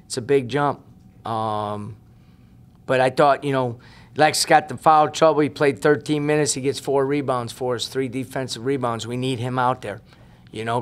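A man in his forties, a head basketball coach giving earnest, emphatic postgame answers at a press room table mic, often repeating words as he thinks. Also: medium pitch. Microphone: table mic on a stand.

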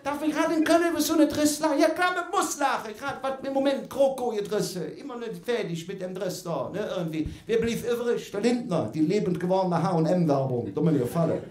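A man's voice: sits high, a little fast, hardly any pauses, a little mellow, reverberant. A man with a Cologne accent doing live stand-up for an audience, chatty and tacking "ne?" onto nearly every sentence. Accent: Cologne (Kölsch). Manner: chatty, keeps adding "ne?", laughs along. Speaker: comedian on stage.

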